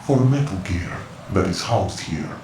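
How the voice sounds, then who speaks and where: An actor playing a mysterious male ninja informant with a Russian accent, giving cryptic, measured warnings. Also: low voice, animated, warm tone, a little hiss or hum. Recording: echoey game audio over music.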